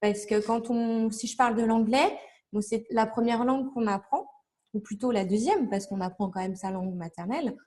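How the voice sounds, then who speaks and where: Mellow-voiced woman chatting in an interview. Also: on the high side, moderate pace. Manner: chatty, many fillers and restarts, explains with examples. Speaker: interview guest, language learning blogger. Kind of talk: casual interview chat.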